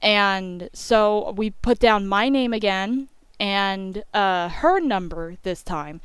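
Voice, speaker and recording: A young woman narrates a story in a casual, chatty YouTube voice-over, sprinkling in filler phrases like "you know." Her voice is medium-pitched, clear, and resonant, delivered at a slow pace with no echo.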